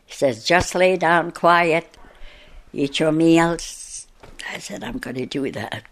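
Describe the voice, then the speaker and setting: A deep-voiced woman over a hundred years old, from northern Maine, speaks with an Acadian French accent, French being her native language. In an unhurried interview she reminisces, laughing between thoughts.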